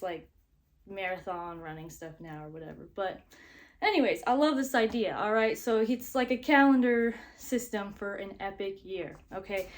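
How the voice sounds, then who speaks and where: A woman's voice: mid-range voice, a little hiss or hum. A woman vlogging casually to camera, upbeat and chatty, with lots of fillers and a slightly breathless sounding voice.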